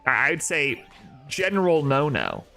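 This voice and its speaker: A man's voice: fairly high pitch, huge pitch swings, a little slow, vocal fry, bright, forceful tone, faint music behind. A young man, chatting casually on a live stream, opinionated and answering his chat with rhetorical questions. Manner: opinionated, talks back to chat with rhetorical "right?".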